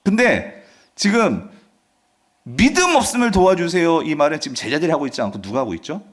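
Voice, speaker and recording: A male pastor preaching a sermon, asking his congregation questions and answering them himself, reading scripture loudly and dropping to soft asides. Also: fairly high pitch, big pitch swings, fast talker, breathy edge. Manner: swings between loud emphatic scripture reading and soft asides. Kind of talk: Friday revival-service sermon.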